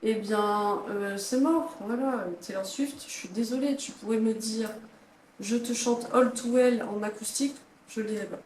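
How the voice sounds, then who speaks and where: Young woman, casual book vlogger, lively opinions, echoey room recording. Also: a little high, moderate pace, slight background noise. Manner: chatty, dramatic reactions, reads blurbs aloud. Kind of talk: casual book ranking chat. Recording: echoey room, faint ambience.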